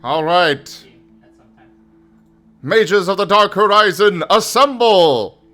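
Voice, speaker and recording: A man's voice: medium pitch, normal speed, soft background music. A man playing a cocky, theatrical mage leading a ritual in a tabletop game, with a showy manner. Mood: grandly rallying. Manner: showy, animated.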